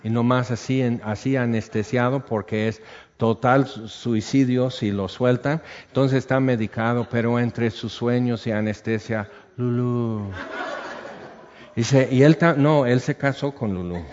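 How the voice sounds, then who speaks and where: A man's voice: medium pitch, normal speed, muffled recording, a crowd in the background. Mexican man preaching in a reverberant hall. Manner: animated storytelling, reads scripture aloud. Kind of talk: sermon.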